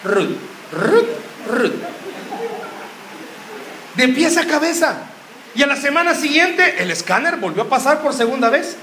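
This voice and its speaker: A young man preaching, his voice pitched high and cutting, as he teases the congregation and keeps firing questions at them. The sound rings around a roomy church hall. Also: bright, forceful tone, slight background noise. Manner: joking, quizzes the crowd with questions. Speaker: youth preacher. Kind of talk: sermon.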